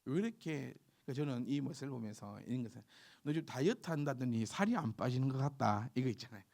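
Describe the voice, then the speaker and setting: A man preaching a sermon, emphatic and exhorting, breaking into soft asides. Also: mid-range voice, expressive, fast talker, vocal fry. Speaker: pastor.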